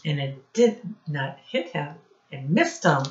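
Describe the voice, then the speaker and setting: A low-voiced American woman, a children's teacher and read-aloud host, leads a storytime lesson for young kids from a home office classroom. She speaks slowly and a little mellowly with big pitch swings, instructing, asking questions and addressing listeners directly. The sound is lo-fi.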